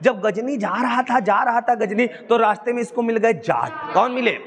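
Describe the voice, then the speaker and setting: A man's voice: very high-pitched, lively intonation, moderate pace, in a large hall, a crowd in the background. A male teacher telling history as a story, asking the class questions and answering them himself. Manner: storytelling with call-and-response questions.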